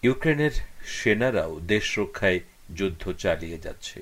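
A man speaking as a public radio host, presenting and putting questions in a formal, measured way. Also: on the low side, lively intonation, a bit bright.

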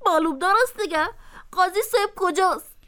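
A woman's voice: extremely high pitch, sharp tone. A woman voicing a child's dirty, unwashed hair in a children's radio play, tearful and pleading. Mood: demanding.

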